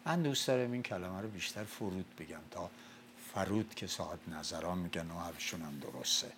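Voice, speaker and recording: In a casual lecture-style talk, an older man from Mazandaran, Iran, tells and explains epic stories from the Shahnameh. His voice is low-pitched, and there's background noise. Lines of verse come out slow and loud, then he slips back into ordinary speech.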